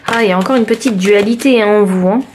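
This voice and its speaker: A woman giving a chatty, expressive tarot reading, talking straight to her listeners and exclaiming over the cards. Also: medium pitch, fast, noisy background. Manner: addresses listeners directly. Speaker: tarot card reader. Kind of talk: informal tarot reading to camera.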